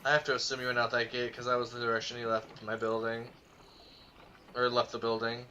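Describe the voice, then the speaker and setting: A man's voice: mid-range voice, monotone, a little fast, bright, forceful tone, lo-fi sound, lightly acted. A man voicing a skeptical, easygoing tavern keeper. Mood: casual. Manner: casual, conversational.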